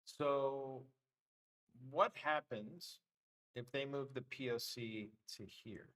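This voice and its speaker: Male livestream host with a worn voice, loose filler-heavy chart talk, mid-range pitch. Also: slow, fairly bright tone, low-quality recording. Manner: loose, thinking aloud with many fillers. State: voice getting worn. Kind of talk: casual live trading commentary.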